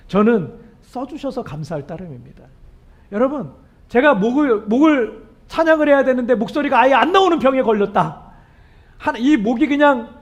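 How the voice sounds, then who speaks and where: In an emphatic, sincere sermon, a male pastor repeatedly puts questions to those listening. His voice has gone weak and hoarse, cracking on the higher pitches.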